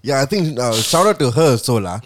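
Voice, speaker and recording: A man of average pitch co-hosts a casual podcast. His delivery is extremely rapid. He speaks, hopping between languages as he banters. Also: big pitch swings, a little hiss or hum. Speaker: podcast co-host.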